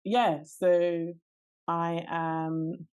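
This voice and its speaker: A woman's voice: fairly low pitch, little pitch movement, very slow, a little mellow, clean tone. A woman in her late twenties co-hosting a podcast, chatting casually and laughing easily. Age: 20s. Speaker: podcast co-host. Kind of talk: casual chat.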